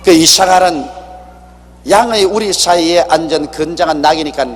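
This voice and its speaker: Animated man preaching in an echoey hall. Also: on the high side, normal speed. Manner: animated, exhorting, acting out dialogue. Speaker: pastor. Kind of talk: sermon. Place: church sanctuary. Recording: echoey hall with faint hum.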